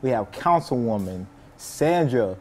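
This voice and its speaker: A man hosting a podcast in a relaxed, easy conversational style. His voice sits at an ordinary middle pitch. He rambles a little, restarting sentences and dropping in fillers as he goes. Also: measured pace. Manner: loose and chatty, with many fillers and restarts. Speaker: podcast host. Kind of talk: casual interview chat.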